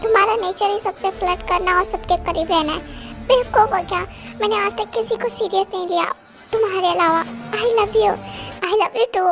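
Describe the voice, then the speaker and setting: A performer voicing a young woman who calms and gently scolds her lover, with music in the background. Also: very high voice, moderate pace. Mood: tender. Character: young woman, soothing, engaged, in love. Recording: music playing behind.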